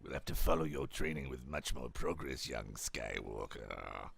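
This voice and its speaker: A man putting on the voice of a sinister old male emperor, in a low gravelly whisper. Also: expressive, moderate pace, fairly bright tone, exaggerated voice. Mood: menacing.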